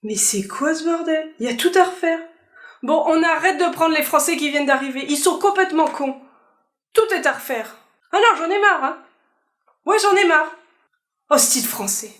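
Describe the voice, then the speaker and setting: A woman's voice: high voice, expressive, normal speed, long pauses, fairly bright tone, echoey room, voice pushed up. A woman voicing an exasperated festival coordinator who grumbles and swears about newcomers.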